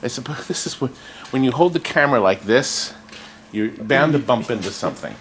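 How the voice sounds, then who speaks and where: A man's voice: mid-range voice, lively intonation, fairly quick, a bit bright, a little hiss or hum. A man hosting a casual walk-through tour video, chatty and rambling with jokey asides. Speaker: host giving a video tour of his arcade business. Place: indoors in an arcade game warehouse.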